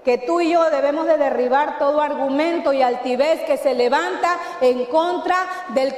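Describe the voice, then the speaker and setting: A woman's voice: high-pitched, darkish tone. A woman pastor with a Mexican Spanish accent, preaching a sermon and often asking the congregation questions. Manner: emphatic preaching with call-and-response questions. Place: church hall. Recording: echoey church hall, long reverb.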